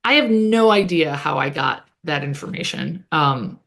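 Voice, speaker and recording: Low-voiced woman chatting on a podcast. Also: animated, unhurried, fairly bright tone. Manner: chatty, many fillers and self-corrections. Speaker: podcast co-host. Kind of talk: casual chat recapping a TV episode.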